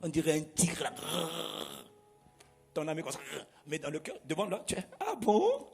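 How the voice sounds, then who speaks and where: A man's voice: a little high, moderate pace, in a large hall, faint music behind. A man preaching a sermon. He preaches emphatically, asking the congregation to repeat words after him. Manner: emphatic, call-and-response preaching. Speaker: pastor.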